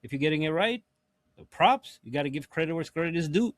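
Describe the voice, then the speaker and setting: A man's voice: a little high, expressive, rapid-fire. A man hosting a reaction show, commenting on clips with emphatic, repetitive phrasing. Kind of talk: casual commentary.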